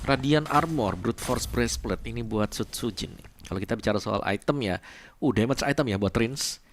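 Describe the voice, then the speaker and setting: A man's voice: mid-range voice, normal speed, noisy background. A man with an Indonesian accent giving casual live esports analysis as a co-caster, chatty and repeating words for emphasis.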